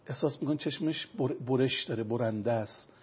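A man consulting on traditional medicine, lecturing with everyday examples in an interview. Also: medium pitch. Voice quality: gravelly and raspy. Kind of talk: explanatory interview talk. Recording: dull lo-fi recording.

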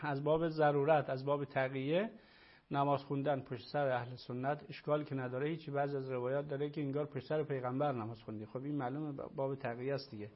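A man's voice: mid-range voice, steady tone, lo-fi sound. A man, a religious scholar, answering a caller's questions in a live call-in discussion, lecturing emphatically and repeating phrases.

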